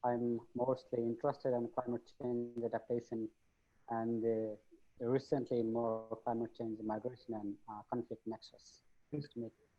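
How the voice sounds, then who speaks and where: Flat-voiced man from Nepal. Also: mid-range voice, moderate pace, lo-fi sound. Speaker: graduate student. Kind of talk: short self-introduction. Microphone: video call.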